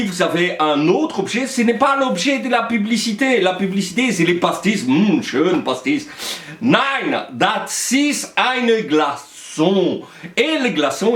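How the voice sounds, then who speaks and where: A man's voice: high-pitched, reverberant. A man voicing a theatrical German professor, lecturing in a hammy, sing-song way with a put-on German accent.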